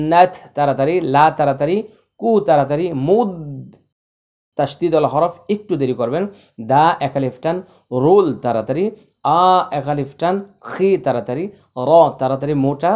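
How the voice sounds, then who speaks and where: A man teaching Quran recitation, spelling out letters slowly and chanting verses with long drawn-out vowels. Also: a little high, warm tone. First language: Bengali.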